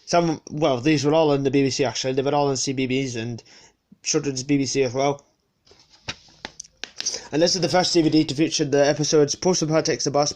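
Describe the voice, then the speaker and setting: Speaking with a sniffly cold, a man casually shows off his collection without a script, hesitating and correcting himself along the way. His voice is medium in pitch with a darkish tone, and the whole thing has the feel of an informal show-and-tell.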